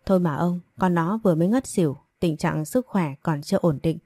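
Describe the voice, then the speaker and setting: A woman reads as a caring middle-aged mother in an audio story, gentle and soothing. Her low, mellow voice sounds dry and close. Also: a little fast, slightly rough, no echo.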